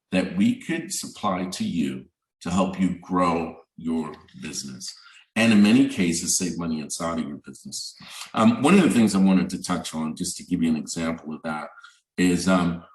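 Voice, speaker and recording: A man with a very low voice gives a relaxed presentation on a video call, filling his sentences with "um" and "you know". His voice sounds distant from the mic, in a roomy, echoing space. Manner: conversational, many fillers like "um" and "you know". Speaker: bank representative, panelist. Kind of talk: virtual panel presentation.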